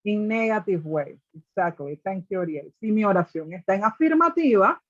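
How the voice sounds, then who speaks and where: A woman's voice: medium pitch, expressive, normal speed, no room sound, highs cut off. A woman teaching an online class, explaining grammar step by step and often checking with her students. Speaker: English teacher.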